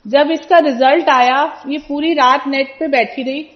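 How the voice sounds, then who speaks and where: High-voiced woman telling a testimony. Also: fairly even intonation, measured pace. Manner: earnest storytelling, acting out quoted people. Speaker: devotee giving a testimony. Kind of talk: personal testimony at a religious gathering. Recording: dull lo-fi recording.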